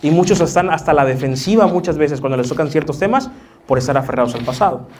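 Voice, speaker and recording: Pastor, male, higher voice, lively sermon delivery with acted-out quotes. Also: fast, slight background noise. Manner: acts out quoted voices of churchgoers, lively preaching.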